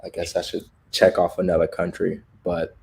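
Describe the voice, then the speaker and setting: A man's voice: deep voice, completely flat delivery, normal speed, gravelly, darkish tone, a little hiss or hum. An American man hosting a casual livestream chat, laid-back and laughing often, talking in loose slang. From United States. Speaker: livestream host.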